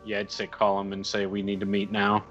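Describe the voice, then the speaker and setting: A man with a lowish voice plays a tabletop game in a practical, low-key way. His mic sounds dull and muffled, with faint piano music underneath. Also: completely flat delivery, brisk, fairly bright tone. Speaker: player. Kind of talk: tabletop play.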